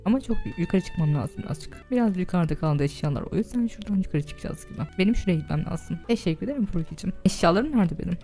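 A woman's voice: medium pitch, dark tone. A young woman chatting casually while streaming a game live as server admin, talking to her chat with bursts of laughter and shrieks.

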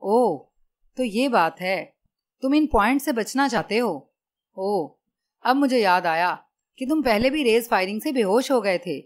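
A frightened middle-aged engineer, as a woman puts him on in an audiobook, stammering, pleading and gasping out his words. The voice jumps higher and louder than her narration and drags slowly with shock. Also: animated. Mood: defiant.

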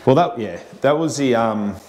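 A man's voice: mid-range voice, lively intonation, moderate pace, darkish tone. An Australian man in his early thirties chatting casually in a laid-back, blokey, sweary way. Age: early 30s. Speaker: guest, former footballer. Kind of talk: casual chat. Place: basement games room, indoors. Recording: echoey room, faint music behind.

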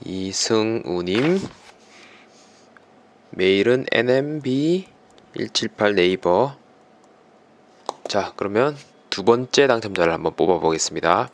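Male channel host, low-pitched, formal and polite giveaway announcement read. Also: animated, measured pace. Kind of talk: giveaway winner announcement, semi-scripted presentation.

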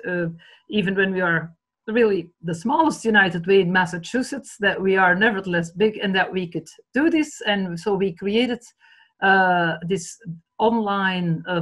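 A woman's voice: medium pitch, rough recording. A woman in her fifties from Belgium with a Flemish Dutch accent, a native Dutch speaker, talking earnestly on a video call from a home study. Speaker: charity director. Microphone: laptop webcam video call.

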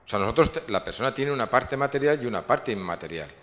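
A man's voice: mid-range voice, animated, fast talker, fairly bright tone. A man giving a public lecture, rambling and restarting often as he explains his ideas. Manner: rambling, many restarts and fillers. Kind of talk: public lecture with audience questions. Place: large lecture hall. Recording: long hall reverb.

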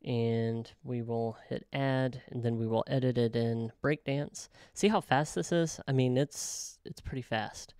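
A man casually talking through a software tutorial, thinking aloud with frequent ums and self-corrections. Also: mid-range voice, steady tone, unhurried, hardly any pauses, smooth, no echo, studio quality. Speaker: web developer tutorial host. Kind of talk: casual screen-recorded software walkthrough.

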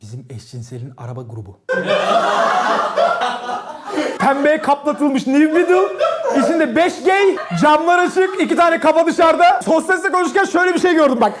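A man's voice: extremely high pitch, lively intonation, moderate pace, pauses often. A young man telling a stand-up comedy story on stage and acting out other people's voices as he goes. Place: comedy stage before an audience. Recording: live show with loud audience laughter.

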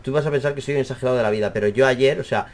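Animated young man from Spain, rambling. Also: medium pitch, very fast. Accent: Spanish from Spain. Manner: animated, exaggerated, swears freely, many fillers. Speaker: math teacher and YouTuber. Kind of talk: casual rambling tech explainer.

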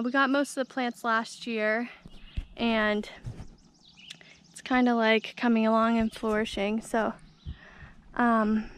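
Slow, chatty young woman outdoors. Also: on the high side, fairly bright tone, a little hiss or hum. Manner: easygoing, chatty, lots of fillers. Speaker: homestead vlogger. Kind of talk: casual garden tour. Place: outdoors in a rural garden on a hot day. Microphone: handheld action camera.

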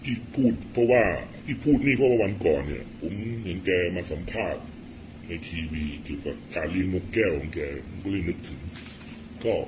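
A middle-aged man giving blunt, rough-spoken political commentary in a casual storytelling monologue. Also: low-pitched, lively intonation, a little fast, noisy background.

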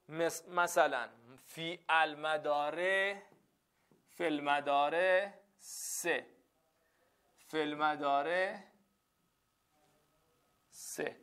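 A man's voice: a little high, fairly bright tone. A male teacher giving a classroom lesson, repeating phrases and often checking that the students follow.

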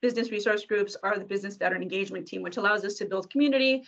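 A woman's voice: medium pitch, creaky. Woman presenting slides on a video call, lots of ums. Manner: many ums and uhs, brisk. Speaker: corporate community engagement presenter. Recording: dull lo-fi video call audio.

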